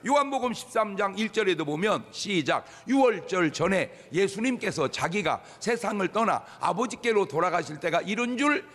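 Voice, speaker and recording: Man, pastor, sermon, high voice, swooping lively intonation, call-and-response, long church-hall reverb. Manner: animated, leads the congregation in call-and-response. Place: church sanctuary.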